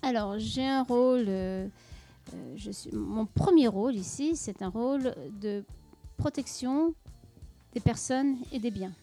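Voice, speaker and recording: A middle-aged woman from Paris answers questions in an interview, her voice mellow and slightly high. She explains things in a measured way and pauses often to find her words. Soft music plays faintly behind her. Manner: measured, explanatory, many hesitations. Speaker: school deputy head being interviewed.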